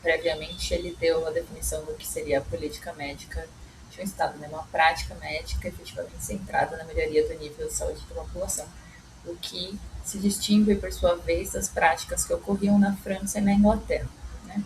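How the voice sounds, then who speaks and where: A woman presenting to a study group, reading passages of a book aloud and then explaining them, often adding "né?" and "tá?" and pausing with fillers as she annotates. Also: lowish voice, steady tone, far from the mic, slight background noise, low-quality recording. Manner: reads passages then comments with frequent "né?" and "tá?"; pauses with hesitant fillers while annotating.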